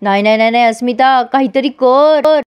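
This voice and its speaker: A cunning young sister-in-law coaxes her ally and plots her next move, voiced by a woman reading the story. Her tone is determined, set in a high register. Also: normal speed, clear, resonant tone, dull audio, lightly acted. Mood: scheming.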